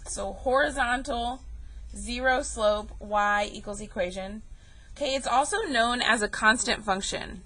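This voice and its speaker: A woman's voice: mid-range voice, pushed and bright, poor audio. A young woman teaching a math class, chatty and joking, calling her students y'all. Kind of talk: recorded classroom lesson.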